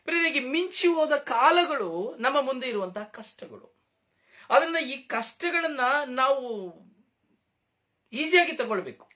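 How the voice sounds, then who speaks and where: Male preacher, sermon, high voice, very lively pitch, emphatic, rhetorical questions. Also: measured pace, long pauses. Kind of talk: Kannada sermon.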